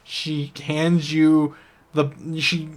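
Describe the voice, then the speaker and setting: A man narrating as game master in a tabletop game, halting and casual. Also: fairly high pitch, little pitch movement. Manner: halting, with restarts and fillers.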